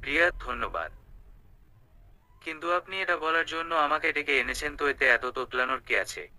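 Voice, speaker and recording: A man's voice: on the high side, normal speed, bright, forceful tone, no echo. A man voicing an impatient young woman. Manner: impatient, direct questioning.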